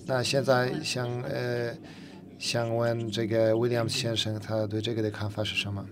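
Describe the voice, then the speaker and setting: Male simultaneous interpreter, mid-pitched, halting with fillers, crowd noise behind. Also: little pitch movement. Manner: halting, many fillers and repeated words.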